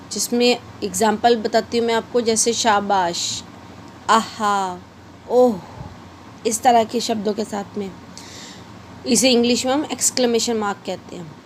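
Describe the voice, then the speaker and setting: A woman's voice: a little high, slight background noise. A woman teaching a shorthand lesson in a casual way, explaining patiently and repeating her examples. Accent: Hindi-English mixed.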